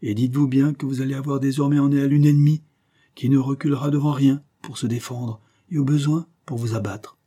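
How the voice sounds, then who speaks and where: A man's voice: medium pitch, fairly even intonation, fairly quick, dark tone, breathy edge, voice pushed up, natural voice. A man voicing an earnest young man in a storybook reading, urgent and pleading.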